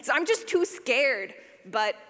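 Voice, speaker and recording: Her voice sits high and she takes it slowly as she gives a relaxed conference talk about sound design for audio fiction, with questions from the audience. She's animated, jokey and self-deprecating, and "like" comes up constantly. Recorded live in a large room with lots of reverb, the sound is that of a hall.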